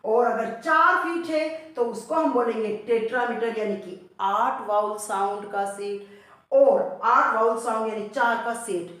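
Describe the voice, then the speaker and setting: A high-pitched Indian woman teaches English for competitive exams. She poses a question, answers it herself and keeps repeating the key terms. Her voice rings around a very echoey room. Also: unhurried, fairly bright tone. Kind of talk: exam-prep lesson in Hindi mixed with English.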